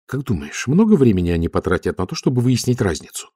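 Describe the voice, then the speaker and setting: A man's voice: lowish voice, sing-song, quick pace, mellow, husky, no echo, clean studio sound, voice pushed up. A man reading an audiobook, voicing a young woman werewolf guard who speaks drily and teasingly. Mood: wry.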